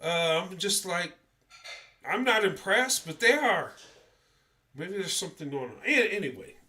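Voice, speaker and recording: A congested, stuffy-nosed man hosts a laid-back livestream, his voice sitting high and very animated. He keeps a measured pace with a sharp tone, yet rambles and hesitates, leaning on fillers and frequent restarts.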